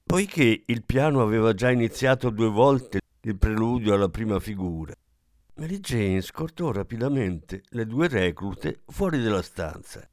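Expressive male audiobook narrator. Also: mid-range voice, no echo, studio quality. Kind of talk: scripted narration of a literary story.

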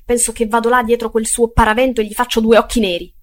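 A woman voicing an irascible, lunch-drunk elderly male copyist who blusters loudly. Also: a little high, fairly even intonation, brisk, natural voice. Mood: belligerent. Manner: loud blustering outbursts.

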